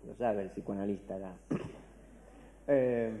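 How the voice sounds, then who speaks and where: A man's voice: on the low side, steady tone, unhurried, mellow, a little hiss or hum. A man with an Argentine Spanish accent giving a philosophy lecture. He speaks conversationally, often checks in with "¿no?" and restarts his words. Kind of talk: university-style lecture to a large audience. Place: large lecture hall. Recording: long hall reverb.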